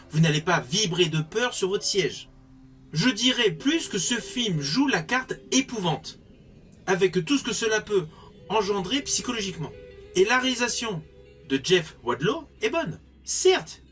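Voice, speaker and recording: A man's voice: high voice, fairly bright tone. A man giving a spoken film review in an articulate way with formal wording.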